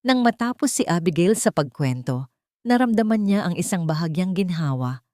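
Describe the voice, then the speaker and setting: A fairly low-voiced woman gives an expressive, moderately paced reading of a dramatic audiobook story. The tone is darkish, and the close, dry sound carries no echo.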